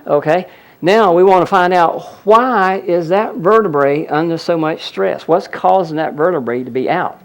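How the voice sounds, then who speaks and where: A high-voiced man speaking at a normal speed explains a live demonstration during a healing seminar. Addressing the crowd, he keeps drawing their attention to things, frequently saying "look at that."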